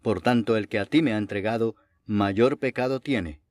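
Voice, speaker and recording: A man voicing a calm, solemn male prophet in a Bible reading, speaking slowly and measured. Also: on the low side, no room sound, clean studio sound, natural voice. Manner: slow and measured.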